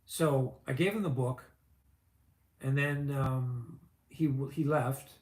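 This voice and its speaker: A man's voice: medium pitch, fairly even intonation, takes it slowly, a little mellow, reverberant. A man in his fifties, a vlogger, telling a long personal story in a chatty, rambling way full of fillers and asides. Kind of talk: casual storytelling.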